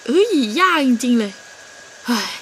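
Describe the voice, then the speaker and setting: A woman's voice: a little slow, slight background noise, close to an everyday voice. A woman voicing an eager young male crow who coaxes his little sister and yelps when things go wrong. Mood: coaxing. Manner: coaxing, then yelping in panic.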